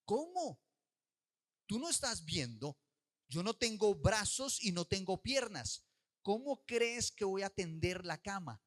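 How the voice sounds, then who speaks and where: A man's voice: high voice, lively intonation, normal speed, hardly any pauses, a bit bright, no room sound, studio quality, voice pushed up. A man preacher acting out a young girl's protests as he retells her story, pleading and indignant. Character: young girl, protesting and exasperated.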